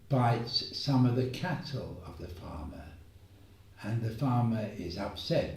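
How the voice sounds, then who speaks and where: A man telling a moral story as a gentle, unhurried homily, pausing often. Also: mid-range voice. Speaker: preacher. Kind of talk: reflective spoken homily. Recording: echoey room, voice far from mic.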